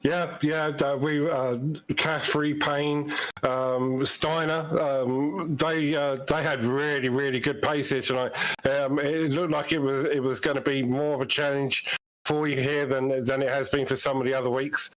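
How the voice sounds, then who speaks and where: A man's voice: medium pitch, little pitch movement, a little slow, a bit bright, poor audio. A man commentating from the booth, asking the race winner questions in a friendly, easygoing way. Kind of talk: post-race interview.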